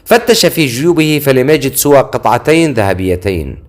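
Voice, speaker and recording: Male narrator, mid pitch, dramatic measured audiobook reading. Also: very animated.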